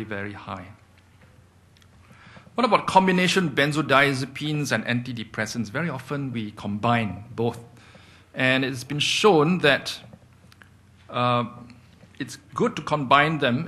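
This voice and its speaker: A middle-aged man gives a clinical lecture to fellow doctors at a mid-range pitch. He explains step by step, poses his own questions and answers them, and keeps checking in with his listeners. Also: bright, forceful tone. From Singapore. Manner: explanatory, repeats key points with rhetorical questions and "okay?".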